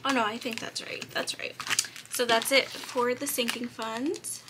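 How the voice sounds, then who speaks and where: A woman's voice: a little high, steady tone, a little slow, background noise. A young woman with a slightly cracking voice chats casually as she counts cash aloud for a budgeting vlog. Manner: chatty, counts bills aloud, light laughs. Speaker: budgeting vlogger.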